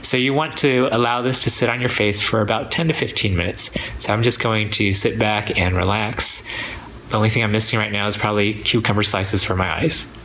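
A man's voice: fairly low pitch, fairly even intonation, brisk, a bit bright, a little hiss or hum, rough recording. A man doing a casual product review with his hand over his mouth, chatting through the steps. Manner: chatty, explaining step by step.

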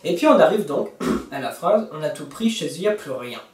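Very animated and fairly quick, a man with a slightly high voice teaches a guitar song to the viewer. He talks casually, counts beats, and breaks into bits of the lyrics while playing, all captured off-mic in a roomy setting.

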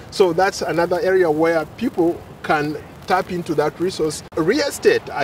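A man files a news report outdoors on a city lawn. His voice sits fairly high, and his delivery is measured and dotted with fillers. The mic is a little distant and faint outdoor noise sits behind him. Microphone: handheld mic held at chest.

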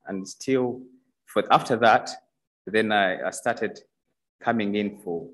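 A man's voice: on the low side, slow, a bit bright, low-quality recording. A young man from Uganda giving a personal testimony at a church podium, speaking hesitantly with many fillers and restarts. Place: church stage in a large hall. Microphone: podium microphone.

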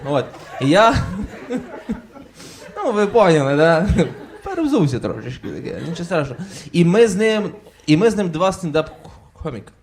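A man's voice: high voice, very animated, moderate pace, noisy background. Stuttering man doing stand-up. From Ukraine. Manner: acts out relatives and officials in quoted voices. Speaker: stand-up comedian. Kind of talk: stand-up routine. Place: comedy club stage with audience laughter.

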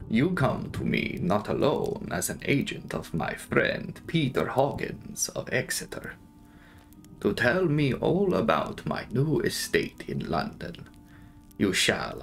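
A man voicing a courtly, commanding Transylvanian count in an audiobook, speaking in formal, drawn-out, measured phrases with a sinister edge. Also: lowish voice, vocal fry, fairly bright tone, heavily acted. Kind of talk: dramatic audiobook character reading.

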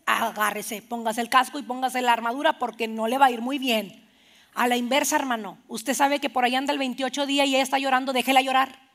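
Woman pastor, high gravelly voice, playful sermon delivery. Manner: animated, playful preacher acting out little scenes. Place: church.

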